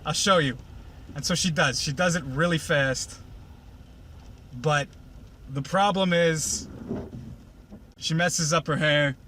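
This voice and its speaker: A man rambles through a sarcastic, casual retelling, full of fillers. His voice is bright and slightly high. A faint car hum sits behind him. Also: slow pace, long pauses.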